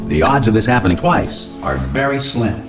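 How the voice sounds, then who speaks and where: An actor playing a calm, cheerfully callous recorded announcer in a video game, giving formal instructions in an unflappable deadpan. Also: male voice, on the low side, moderate pace. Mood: cheerfully reassuring. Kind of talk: scripted public-address announcement in a video game. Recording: echoey announcer sound, game music behind.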